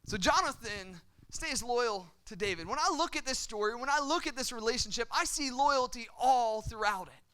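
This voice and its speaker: Bright, high-voiced man preaching a story. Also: lively intonation, moderate pace, hardly any pauses, clean tone. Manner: storytelling, acts out quotes with shifting pitch and loudness; frequent restarts and repeated words. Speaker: pastor. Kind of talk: sermon.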